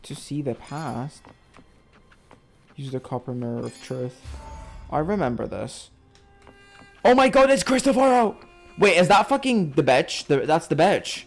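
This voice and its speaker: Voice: mid-range voice, big pitch swings, a little slow, pauses often. A chatty streamer with a put-on British accent, playing a game and talking casually. The delivery is playful and sweary, with faint music underneath. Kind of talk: casual gaming commentary.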